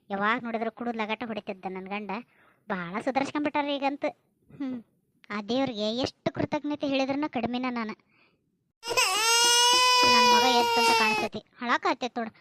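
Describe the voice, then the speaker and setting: A woman with a North Karnataka accent acting in a family comedy skit, chatty, brisk and plain-spoken. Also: fairly high pitch, a little hiss or hum. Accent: North Karnataka Kannada.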